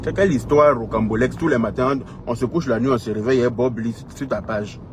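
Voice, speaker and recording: A man's voice: mid-range voice, fast talker, noisy background. A man with an Ivorian French accent, delivering a heated, scolding monologue full of repetition and rhetorical questions. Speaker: social media commentator. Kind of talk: heated direct-address rant.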